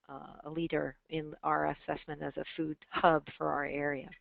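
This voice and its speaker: A woman's voice: sits low, creaky, dry recording. A woman calling in over the phone to a webinar as a panelist, explaining her food bank's programs step by step. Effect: heard over a phone line. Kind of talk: webinar presentation. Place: calling in remotely. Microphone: telephone. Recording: tinny dry phone line.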